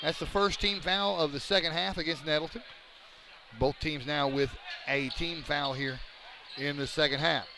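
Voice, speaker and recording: Man, basketball play-by-play, higher pitch, bouncing balls and gym noise behind. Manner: rapid excited calls that rise on big plays, joking banter in lulls. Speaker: play-by-play announcer. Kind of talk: live basketball commentary. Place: high school gym. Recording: noisy gym ambience.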